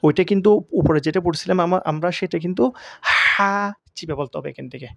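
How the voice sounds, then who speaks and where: A man's voice: high voice, creaky, a bit bright, dry recording, studio quality. A male Quran teacher, giving a pronunciation lesson and drawing out each Arabic letter. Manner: drawn-out demonstration of each letter.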